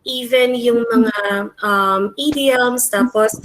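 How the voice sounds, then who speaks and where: A woman teacher talks through what she has seen in her classroom, mixing two languages in a relaxed discussion. She thinks aloud, pausing on frequent fillers as she lays out her examples. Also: a little high, a little hiss or hum, rough recording. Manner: thoughtful, many um fillers.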